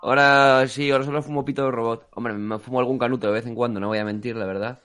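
A man's voice: medium pitch, fairly even intonation, fast talker, fairly bright tone, smooth. A man from in a casual chat, joking and exaggerating.

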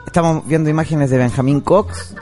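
A man, a radio co-host giving excited running commentary on a video. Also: a little high, brisk, faint music behind.

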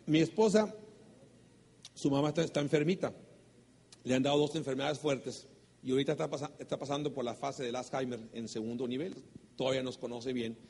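A man giving a motivational talk, telling stories and asking rhetorical questions, sometimes loud and sometimes hushed. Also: medium pitch, fairly even intonation, a little fast, slightly rough. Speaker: motivational speaker. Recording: long hall reverb.

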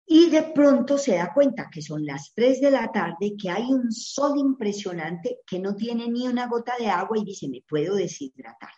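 A woman's voice: medium pitch, darkish tone. Woman speaking in an echoey room. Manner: tells a parable with voiced characters. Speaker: guest speaker. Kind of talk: storytelling interview answer. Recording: echoey, dull lo-fi sound.

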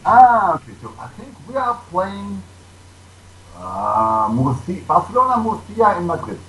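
A man's voice: high voice, wildly swooping pitch, measured pace, a bit bright. A man speaking non-native English as a musician being interviewed, casually answering in simple, repetitive phrasing. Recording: echoey room with background noise.

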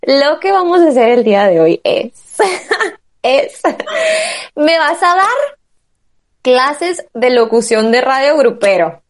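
A woman's voice: high voice, very animated, takes it slowly, long pauses. A woman in her twenties hosting a casual interview, playful and giggly, with hesitant restarts. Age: 20s. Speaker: host interviewer.

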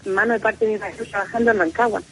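A woman's voice: mid-range voice, fairly even intonation, rapid-fire, husky, rough recording. A middle-aged Chilean woman calling in to a radio show, telling a story in an emotional, rambling way. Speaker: caller. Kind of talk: phone-in confession.

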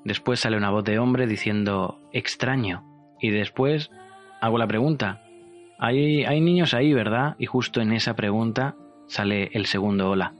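A man's voice: lowish voice, fairly even intonation, soft background music. Earnest man hosting a show. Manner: earnest, insistent, slows for emphasis. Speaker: host of a paranormal show. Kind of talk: confessional radio-style narration.

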